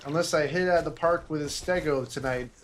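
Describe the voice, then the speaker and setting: A man's voice: fairly high pitch, fast, a little hiss or hum. A young man casually commentating his own livestream, self-deprecating and rambling, muttering to himself. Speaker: gaming livestreamer.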